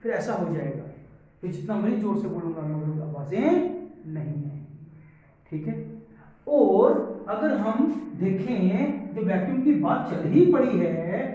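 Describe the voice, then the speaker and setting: Male teacher, high mellow voice, unhurried, quizzes the class and answers himself; dull, roomy sound from a distant mic. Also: animated. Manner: repeats questions and answers them, mixes English terms. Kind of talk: classroom lecture. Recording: echoey room, far mic, dull sound.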